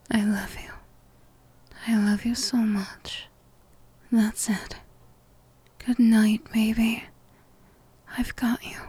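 A woman whispers close to the mic in a slow, soothing comfort roleplay. Her voice is mellow and breathy, staying flat and even. The sound is dry with no room around it. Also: mid-range voice, no room sound. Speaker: ASMR roleplay performer.

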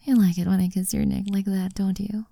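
A young woman whispering an intimate, coaxing audio roleplay in a soft, commanding way. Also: medium pitch, little pitch movement, a little fast, gravelly, no room sound, studio quality.

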